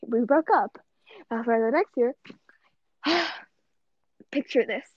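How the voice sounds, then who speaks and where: A woman's voice: fairly high pitch, unhurried, slightly rough, no echo, dull audio. A teenage girl telling a school romance story in casual chat, chatty and dramatic. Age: teens.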